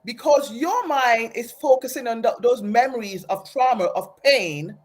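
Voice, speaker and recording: Her fairly high voice moves a little slowly as she, an interview guest from Aruba who grew up in Trinidad, shares her personal story. The telling is earnest and reflective, and she often starts phrases over.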